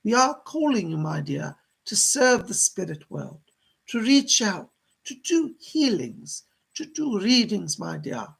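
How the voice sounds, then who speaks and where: Man channeling a motherly female spirit, seance medium manner, very gravelly, husky, genteel, solemn, exhorting. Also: high voice, sing-song, unhurried, fairly bright tone, exaggerated voice. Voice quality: husky, creaky. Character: Rose, gentle motherly old-fashioned female spirit guide. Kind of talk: seance medium trance channeling, addressing sitters with spirit messages.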